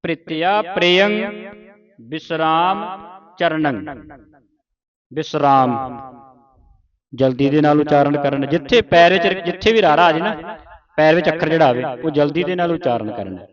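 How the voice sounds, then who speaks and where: A Punjabi man teaching recitation line by line, his voice a little high for a man. He repeats each word slowly and patiently. The recording is muffled, with a crowd murmuring behind him. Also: expressive. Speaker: Gurbani pronunciation teacher.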